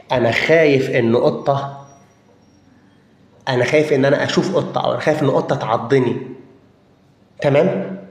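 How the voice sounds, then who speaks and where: A man with an Egyptian Arabic accent teaching a German grammar lesson. He explains step by step, checks in with listeners often, and drags out words and repeats them while he thinks. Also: fairly high pitch. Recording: roomy echo.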